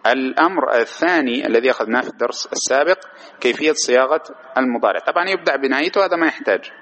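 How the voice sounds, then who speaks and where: A man teaching a grammar lesson. He keeps posing quick rhetorical questions to his students and then answering them himself. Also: medium pitch, expressive, fairly bright tone, highs cut off, slight background noise.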